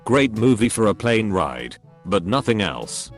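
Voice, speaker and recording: A man with a fairly low voice reads online posts aloud as a narrator, keeping a steady, even pace from one post to the next. Soft music plays quietly underneath him. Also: a little slow.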